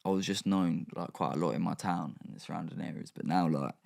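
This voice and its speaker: A man's voice: deep voice, quick pace, gravelly, darkish tone. A young man, chatting casually as a podcast guest, slangy and rambling with lots of fillers. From England. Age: young adult. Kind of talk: casual chat.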